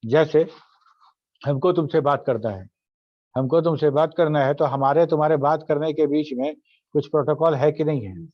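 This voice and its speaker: Male teacher explaining slowly, dull dry audio. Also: on the high side, dry recording. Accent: Indian English. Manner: explains step by step, asks students questions, reads definitions slowly. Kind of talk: online class lecture.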